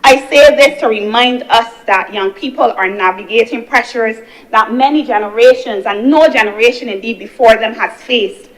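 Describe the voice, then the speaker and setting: Speaking at a normal pace in a fairly high voice, a young adult woman from Barbados gives a heartfelt speech as a senator in the senate chamber. Repetition of phrases drives her points forward, though the recording is rough.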